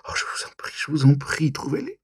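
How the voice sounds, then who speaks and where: A trembling young woman under a spell, stammering as she begs for help, as a man reads her part. The voice is husky and dark, and sits close and dry to the mic. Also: sits low, fairly even intonation, normal speed, no room sound. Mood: pleading. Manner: stammering, pleading.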